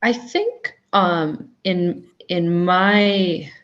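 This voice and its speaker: A woman's voice: on the low side, extremely slow, dull audio. A woman who is an investigative journalist, speaking thoughtfully in a webinar, with frequent restarts and fillers. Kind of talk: webinar talk.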